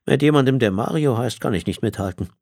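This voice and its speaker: A man's voice: medium pitch, lively intonation, darkish tone, no echo, voice pushed up. A man voicing a wry, self-deprecating young man in an audiobook, close to his own voice. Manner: wry, quick.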